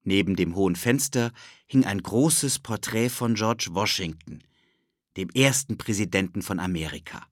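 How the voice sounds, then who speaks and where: A man narrating a children's audiobook with expressive storytelling. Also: lowish voice, moderate pace, no echo, studio quality.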